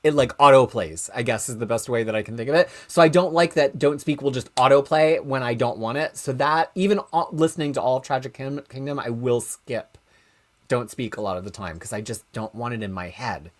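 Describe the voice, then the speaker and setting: A man's voice: mid-range voice, brisk. A man co-hosting a show in casual chat, thinking aloud and often breaking off to restart his sentences. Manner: rambling, self-interrupting, thinking aloud. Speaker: show co-host.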